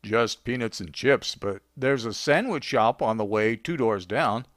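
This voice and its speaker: A man's voice: mid-range voice, lively intonation, unhurried, a bit bright, dry recording, studio quality. A man voicing a blunt, matter-of-fact bartender in authoritative tones.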